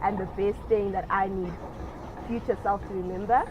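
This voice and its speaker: A South African woman in her twenties from Johannesburg, speaking earnestly and in a measured way about her own story. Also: mid-range voice, steady tone, lo-fi sound, noisy background. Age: 20s. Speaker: interviewee sharing her story. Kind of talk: personal testimony to camera.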